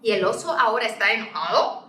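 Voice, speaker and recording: Lively, high-voiced woman reading to children. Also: fast talker, heavy background noise. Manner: playful, with sound effects and questions to the child. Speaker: storytime host. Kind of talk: reading a picture book aloud to children. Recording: echoey room, mic at a distance.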